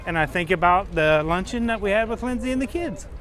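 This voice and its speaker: A man's voice: sits high, lively intonation, brisk, fairly bright tone. A man hosting a casual travel vlog, chatting encouragingly as he walks. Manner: encouraging, chatting while walking. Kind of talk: casual walk-and-talk chat. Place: outdoors, walking along a resort path. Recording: outdoor city ambience and vehicle noise.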